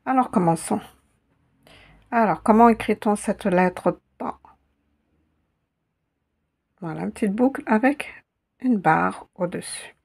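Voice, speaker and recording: A woman teaching a slow, patient language lesson who repeats each sound carefully. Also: mid-range voice, vocal fry, a little mellow, breathy edge. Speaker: Arabic teacher.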